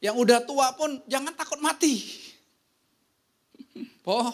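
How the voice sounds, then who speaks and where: A pastor preaching a casual, lively sermon, telling stories and often checking in with the congregation. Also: male voice, very high voice, slow. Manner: casual, slangy preaching with anecdotes.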